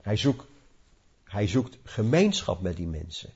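Preacher guy, husky voice, restarts and repeats a lot, dull lo-fi sound. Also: fairly low pitch, big pitch swings, unhurried, a little mellow. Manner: emphatic, repeats and restarts phrases, rising for stress. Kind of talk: sermon.

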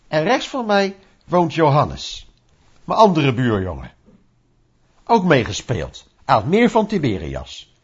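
Animated, husky-voiced male preacher. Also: on the high side. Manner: animated, conversational preaching with rhetorical questions. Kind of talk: sermon. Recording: dull lo-fi recording.

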